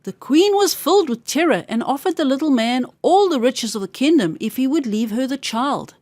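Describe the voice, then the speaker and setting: A female storyteller reads a children's fairy tale with careful, expressive diction. Her high voice is strongly animated and delivered at a normal pace. The recording is dry, with almost no room around it and no echo.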